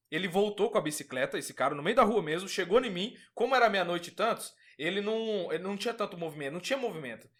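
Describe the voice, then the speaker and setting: A man's voice: high voice, fairly bright tone. A man casually telling a personal religious testimony, earnest, acting out the dialogue as he goes. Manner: earnest storytelling, acts out quoted dialogue. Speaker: podcast guest giving testimony.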